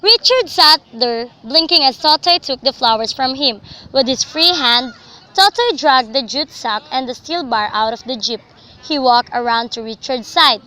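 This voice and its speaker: Here the narration for a student radio drama comes from a young woman whose high, sharp voice stays expressive at a moderate pace. The scripted story is dramatic, and the amateur recording carries faint noise.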